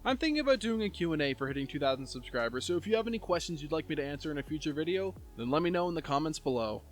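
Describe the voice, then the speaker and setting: A man's voice: on the high side, lively intonation, racing. A man narrating online stories for his channel as its host. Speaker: YouTube story narrator. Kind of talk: reading online stories aloud. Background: soft chill background music.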